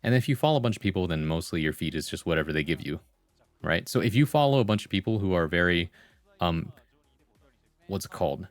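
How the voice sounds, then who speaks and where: Animated and fast, a deep-voiced man hosts a livestream, reading viewer comments and chatting back in a slangy, conversational way full of "like" and "bro." The sound is echo-free, with faint music playing behind him.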